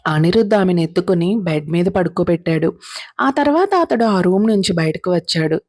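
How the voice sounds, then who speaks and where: A woman narrating a serialized drama story in a steady, dramatic reading style. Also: on the low side, normal speed, no room sound, studio quality.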